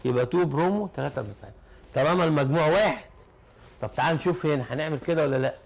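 A man with an Egyptian Arabic accent teaching a chemistry lesson. His voice is fairly high and gravelly, and he talks quickly, explaining each step and answering his own questions. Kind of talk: classroom lesson.

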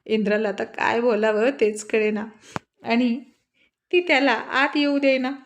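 A woman storyteller reading a story aloud in a steady, plain manner. Her voice sits a little high for a woman. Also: unhurried, slight background noise. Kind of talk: story narration.

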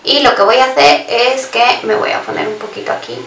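A woman's voice: a little high, very animated, a little fast, gravelly, fairly bright tone, a little hiss or hum. A woman giving a casual makeup tutorial, chatty and talking straight to her viewers, often stopping to correct herself. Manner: chatty, addresses viewers directly, frequent self-corrections. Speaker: beauty vlogger. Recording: roomy echo, voice somewhat far from mic.

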